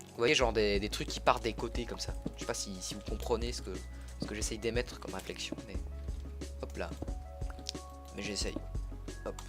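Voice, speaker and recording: A young male livestreamer from Alsace, France, with a fairly low voice, gives casual commentary while streaming a game. He's chatty, greets viewers in chat, and keeps interrupting and correcting himself mid-sentence, with music playing in the background.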